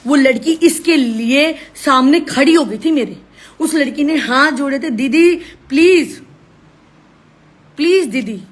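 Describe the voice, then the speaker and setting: Woman live-streamer, accusatory rant, slightly high voice. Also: normal speed. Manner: scolding, accusatory, insistent.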